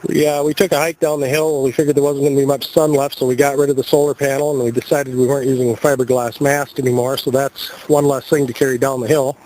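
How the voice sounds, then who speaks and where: An American amateur radio operator films his camping trip at an outdoor campsite, joking playfully in casual commentary. His mid-range voice is warm and level, moving fast with hardly any pauses. The handheld camcorder picks up noisy outdoor audio.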